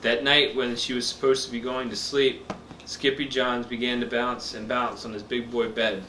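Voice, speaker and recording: Man, father reading to a toddler, expressive storybook delivery, bright voice, echoey room. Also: medium pitch, normal speed. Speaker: father reading picture books to his child. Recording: echoey room with faint background noise.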